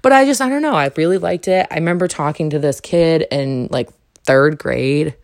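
Young woman podcast host, low voice, animated casual storyteller who jumps up high for quotes, dry recording. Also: moderate pace, dry recording. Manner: animated, acts out quoted lines with big pitch jumps.

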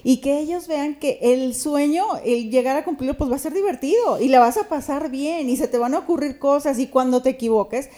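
Playful high-voiced woman co-host. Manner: warm-hearted, playful, quick to laugh. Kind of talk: casual chat.

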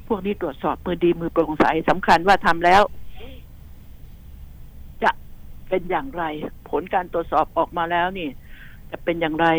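A woman's voice: on the low side, no echo, rough recording. A woman commentating on the news on radio, outspoken and indignant, rambling and repeating herself as she talks to listeners. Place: radio studio.

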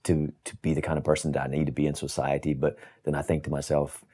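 Deep husky guy, guest on a podcast, leans hard on his t's, kinda formal. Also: little pitch movement, quick pace, mellow. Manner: crisp stress on T's, formal word choice. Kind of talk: casual chat.

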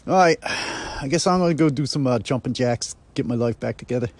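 A man's voice: mid-range voice, fairly quick, no echo, close to an everyday voice. A man playing a down-on-his-luck married guy giving a folksy, rambling podcast update full of homespun sayings. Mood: folksy upbeat. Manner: folksy, homespun sayings, keeps tagging "there". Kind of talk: casual phone podcast monologue.

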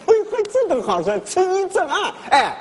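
A man's voice: very high-pitched, huge pitch swings, normal speed, some chatter behind, full character voice. A brash freeloading con man. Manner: loud, indignant, theatrical. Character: boastful freeloading male con man diner. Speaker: comedy sketch actor. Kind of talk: stage comedy sketch.

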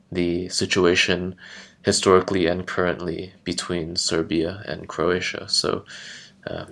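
A young man hosts a podcast in a casual, rambling style. His voice is deep with plenty of vocal fry, and his intonation stays fairly flat and laid-back. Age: young adult. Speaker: podcast host, student.

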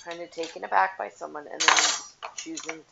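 Her voice is fairly low, gravelly and steady, and she talks briskly. She's a podcast host doing a casual solo show at the sink, swearing freely and giving frank opinions. The headset mic sounds tinny, like a tin can, and the very noisy recording carries faint dish clatter.

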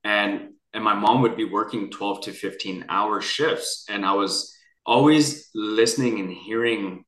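A young adult man from Canada tells his story as an interview guest, earnest and rambling with many restarts. His voice is lowish and fairly bright, unhurried, and the room is echoey.

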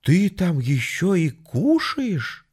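A man voicing a frightened woman who asks hushed, bewildered questions over a bad phone line. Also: on the high side, animated, unhurried, pitched above the performer's own voice. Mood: anxious.

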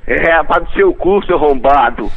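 A man's voice: a little high, animated, normal speed, husky. A man on the phone being pranked, angry, cursing and stammering out threats. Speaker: prank-call victim on the phone. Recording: tinny phone line.

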